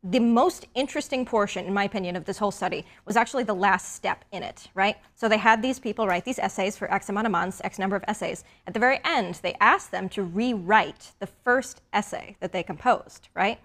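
Woman, 30s, panelist, conversational, mid pitch, studio lapel mic. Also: fairly quick, hardly any pauses, a bit bright. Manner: conversational, checks in with "right?".

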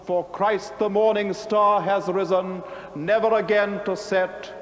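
A man's voice: high-pitched, fairly even intonation. Man chanting in cathedral echo. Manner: slow, solemn, sung intoning. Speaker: clergy leading the Easter vigil. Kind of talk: chanted liturgy. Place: large stone church. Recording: long echoey church reverb.

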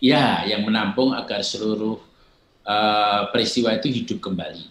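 An older man, a film director, giving measured, explanatory interview answers and acting out quoted exchanges. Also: on the low side, fairly bright tone, slight background noise. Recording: roomy echo.

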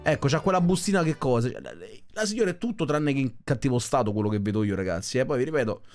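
A man's voice: mid-range voice, expressive, fast, darkish tone, faint music behind. Skeptical man ranting. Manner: skeptical, rambling with restarts. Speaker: reaction video host. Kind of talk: casual commentary.

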